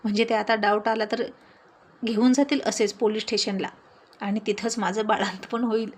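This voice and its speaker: A woman's voice: mid-range voice, fairly even intonation, normal speed, lightly acted. A woman voicing a shy young man who is flustered and complaining.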